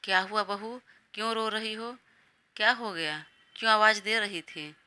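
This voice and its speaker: A woman's voice: medium pitch, normal speed, bright, forceful tone, clear, resonant tone, close to an everyday voice. A woman voicing a doting old grandmother who scolds her grandson fondly and sides with the new bride. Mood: concerned. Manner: fussy, indulgent scolding.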